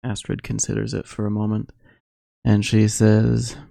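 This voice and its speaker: A man narrating a solo tabletop game as game master, relaxed and halting. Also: lowish voice, gravelly, dry recording, studio quality.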